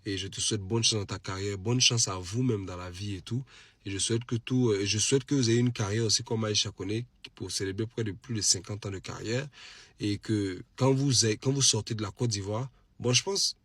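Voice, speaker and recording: His lowish voice moves fairly quickly with a fairly bright tone, recorded dry. A man with a head cold and an Ivorian French accent, he streams live late at night, chatting casually and animatedly with followers and repeating phrases for emphasis.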